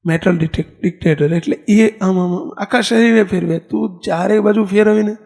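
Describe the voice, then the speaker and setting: A monk with a Gujarati accent delivers a storytelling sermon, animated and quick to act out each character's lines. His voice sits high for a man. It is husky and rough with fry. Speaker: Swaminarayan monk giving a sermon.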